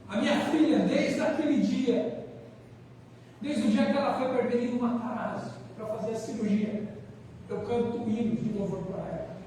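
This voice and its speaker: A Brazilian man preaching a sermon, telling a personal story in an earnest, animated way with changing volume. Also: extremely high pitch, normal speed. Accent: Brazilian Portuguese. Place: church hall. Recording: echoey church hall, mic far off, faint noise.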